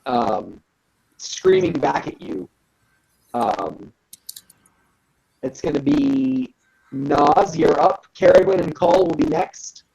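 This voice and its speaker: A woman narrating as game master of a tabletop game, relaxed and hesitant with frequent ums. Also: deep voice, slow, creaky, pauses often, highs cut off.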